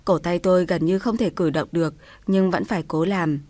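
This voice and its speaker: A woman reads a first-person story in a sorrowful, even tone. Her voice sits low and the recording is dry and close, with no room sound. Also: moderate pace, dry recording.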